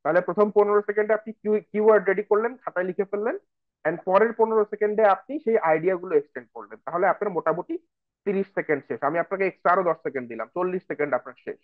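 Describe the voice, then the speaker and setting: Male tutor, slightly high voice, dry thin phone-like sound, explanatory and code-switching. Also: quick pace, no room sound. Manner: explanatory, addresses viewers as brother and sister, switches into English phrases. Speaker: IELTS speaking tutor. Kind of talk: online lesson mixing Bengali and English.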